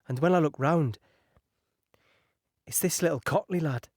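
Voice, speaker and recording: An actor playing a young British signaller recounting a beach landing in an audio drama, halting and shaken. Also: male voice, on the high side, darkish tone, dry recording, studio quality. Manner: halting, shaken, recalling horror in present tense.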